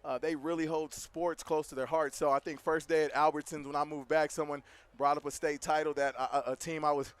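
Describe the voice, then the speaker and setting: A man's voice: a little high, little pitch movement, fairly quick, smooth. A man in his thirties, an athletic director, out of breath and talking earnestly with many restarts in a halftime interview from a stadium press box. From Hobbs, New Mexico.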